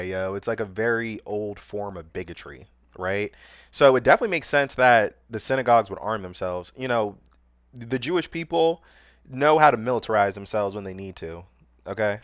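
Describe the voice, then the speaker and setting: A man's voice: medium pitch, fairly bright tone, clean tone, dry recording, clean studio sound. A young man commentating casually on a livestream while reacting to news clips, loose, slangy and sarcastic, laughing at his own jokes.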